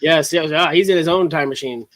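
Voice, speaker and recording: Man, podcast guest, easygoing, lots of fillers, fairly high voice, dry close sound. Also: fairly quick, fairly bright tone, no echo. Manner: easygoing, explains with many fillers. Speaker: podcast guest, game designer. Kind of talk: casual chat.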